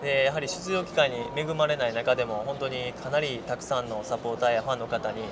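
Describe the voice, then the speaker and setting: A man in his thirties, a former player now company director, answering politely and in measured terms on a cafe terrace. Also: mid-range voice. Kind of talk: interview answer. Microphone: lapel mic. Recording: noisy terrace behind.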